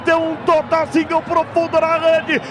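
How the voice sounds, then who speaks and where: Explosive high-pitched Brazilian football goal commentator, man. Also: completely flat delivery. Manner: explosive goal commentary, shouted with drawn-out words. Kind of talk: live football match commentary. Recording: loud music and roaring crowd behind. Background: music and stadium crowd noise.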